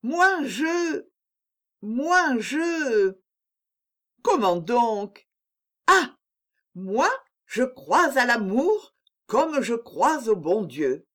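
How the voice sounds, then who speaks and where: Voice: mid-range voice, sing-song, extremely slow, pauses often, fairly bright tone, voice pushed up, heavily acted. A reader voicing a flustered adoring countess. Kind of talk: audiobook character voice.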